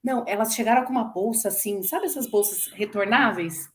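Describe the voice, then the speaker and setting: A Brazilian woman in her forties, a former flight attendant, chatting in an interview and telling stories with lively acted-out quotes. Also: mid-range voice, brisk. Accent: Brazilian Portuguese. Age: 40s. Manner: lively storyteller who acts out quoted voices. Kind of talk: casual chat interview.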